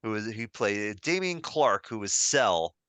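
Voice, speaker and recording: A man co-hosting a podcast and talking in a casual, chatty way. His voice is bright and clear. The sound is dry and close, with no room around it. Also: on the low side, a little slow, no room sound. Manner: chatty, animated when recalling a story. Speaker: podcast co-host. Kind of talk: casual chat.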